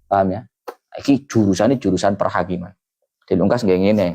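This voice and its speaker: A man's voice: low-pitched, steady tone, brisk, a little mellow. A man with an East Javanese accent teaching a classical Islamic text to students. He reads Arabic lines, explains them in Indonesian with Javanese asides, and often checks that his students follow. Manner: keeps checking that students understand.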